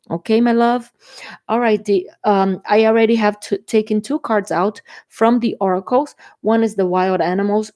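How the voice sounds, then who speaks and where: A Brazilian woman, a native Portuguese speaker with a Brazilian Portuguese accent, gives a chatty tarot reading to camera and keeps checking in with her viewers. Her voice is mid-range with a darkish tone.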